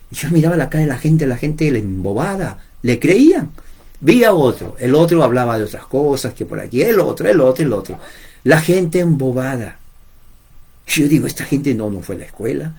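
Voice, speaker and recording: Husky man preaching emphatically. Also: medium pitch, darkish tone. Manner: emphatic, repeats points, addresses listeners directly. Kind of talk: informal preaching to camera.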